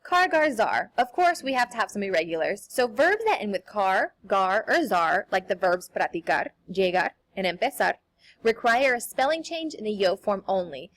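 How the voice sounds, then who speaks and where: Young woman teacher, cheerful sing-song delivery, models examples slowly for the class, mid-range voice. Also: medium pitch, very animated, fairly bright tone. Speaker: Spanish teacher. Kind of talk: recorded classroom lesson.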